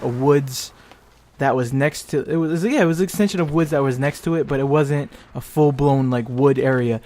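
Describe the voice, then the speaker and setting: A young man spins a rambling, profanity-laced story with lots of restarts and fillers. His voice sits a little higher than most men's. A faint hiss of noise runs under the recording. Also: a little mellow. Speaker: channel creator. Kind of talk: casual storytelling.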